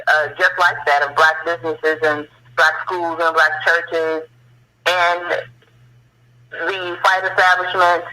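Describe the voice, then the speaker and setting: A man's voice: a little high, pushed and bright, low-quality recording. A man speaking as a guest on a radio talk show, telling history in an earnest way that rises to impassioned questions.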